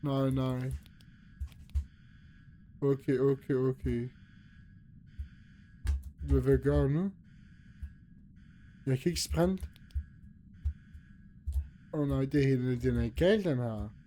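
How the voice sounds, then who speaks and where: A man's voice: medium pitch, pauses often, warm tone, slight background noise. A young man nervously commentating a horror game, talking to himself and his viewers as he gets scared. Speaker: gaming youtuber.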